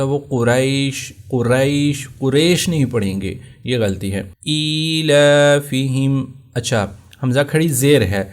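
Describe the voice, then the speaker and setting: A man with a Pakistani Urdu accent teaching Tajweed, explaining common mistakes and then reciting verses slowly and drawn out. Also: medium pitch. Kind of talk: Tajweed lesson.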